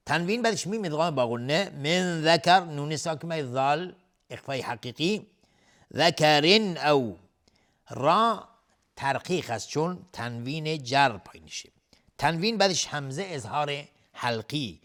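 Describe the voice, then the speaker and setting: A man's voice: medium pitch, a bit bright. Man teaching Quran recitation rules. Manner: recites verses slowly and melodically, then explains rules quickly and plainly. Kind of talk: tajweed lesson, explaining rules between recited verses.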